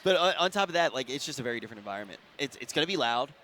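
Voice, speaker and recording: A young man commentating a live esports match with excitable energy and a slightly strained voice. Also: mid-range voice, rapid-fire. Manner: energetic, excitable, talks over co-host.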